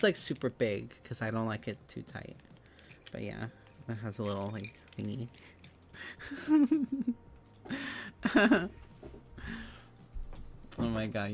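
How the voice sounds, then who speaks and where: A young man streaming live, chatting casually with viewers, giggling often and rambling through restarts. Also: mid-range voice.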